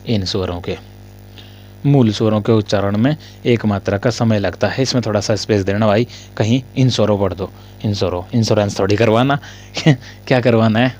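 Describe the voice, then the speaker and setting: A male Hindi grammar teacher in a casual lesson. He asks his students questions, answers them himself, and often coughs and clears his throat. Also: lowish voice, darkish tone.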